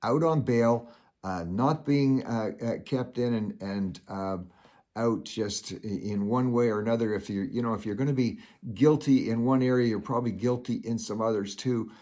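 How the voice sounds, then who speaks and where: A man's voice: medium pitch, normal speed, mellow. An older man hosting a casual solo commentary show, folksy and rambling, with many filler sounds. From Canada.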